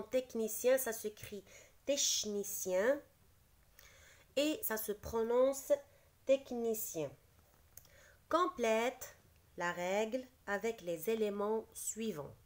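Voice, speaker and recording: A woman teacher explaining a spelling lesson, patiently reading words aloud and repeating each one. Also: medium pitch. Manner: explains patiently, repeats each word, switches briefly into Arabic.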